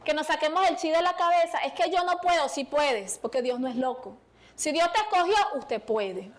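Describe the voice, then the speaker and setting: A woman's voice: high-pitched, lively intonation, normal speed. A woman preacher giving a fervent sermon in a small church, calling out to the congregation and pleading with them.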